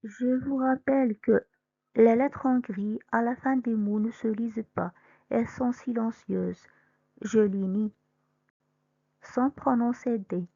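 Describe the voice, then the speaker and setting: A woman teaching young children to read, sounding out letters and syllables slowly and deliberately. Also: fairly high pitch, mellow, no echo, lo-fi sound. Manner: spells letters then syllables, clear and deliberate. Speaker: reading teacher. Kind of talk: slow reading lesson for young children.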